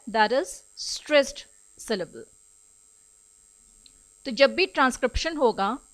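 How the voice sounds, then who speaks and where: A woman with an Indian English accent teaching in a recorded video lecture, explaining in Hindi and slow English with repetition. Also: high-pitched, a bit bright, poor audio. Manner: switches between Hindi and slowly spoken English.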